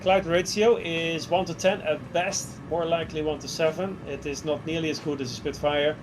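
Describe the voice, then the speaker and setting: A man's voice: on the high side, fairly even intonation, moderate pace. A man chatting casually in a group flight game, explaining things in short, clipped remarks. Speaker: player in a group flight-simulator session. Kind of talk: casual chat while flying in a flight simulator. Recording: loud vehicle-like drone, noisy voice chat.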